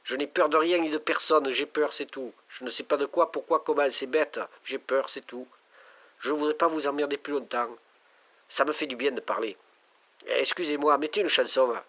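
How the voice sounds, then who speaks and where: A man's voice: a little high, steady tone, normal speed, fairly bright tone. An actor playing a lonely, frightened young man calling in from a payphone at night, his voice sounding distant on the line. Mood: lonely fearful. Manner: pleading, breaking into panic. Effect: payphone call, distant caller on the line. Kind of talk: stage monologue acting.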